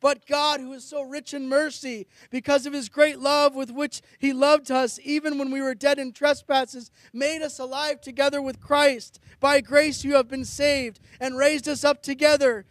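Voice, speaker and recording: Standing on a high ledge outdoors during a blizzard, a middle-aged pastor preaches earnestly and reads scripture in a declamatory style. His very high, fairly bright voice holds a level tone at a moderate pace with few pauses, captured without echo by a handheld or stand microphone close to his mouth.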